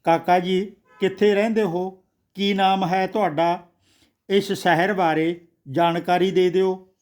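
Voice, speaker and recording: Guy doing a gentle humble scholar in a storybook, soft and loving, slow. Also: high-pitched, little pitch movement. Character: gentle older male scholar, humble and tearful.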